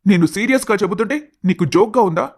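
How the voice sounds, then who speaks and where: A man's voice: high-pitched, expressive, fast talker. A man voicing an earnest, lovestruck young man who speaks in a pleading way. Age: young adult.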